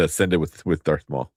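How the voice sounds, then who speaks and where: A man's voice: very deep voice, dry recording, clean studio sound. A man hosting a casual live chat show, laughing often and rambling loosely between topics. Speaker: podcast host.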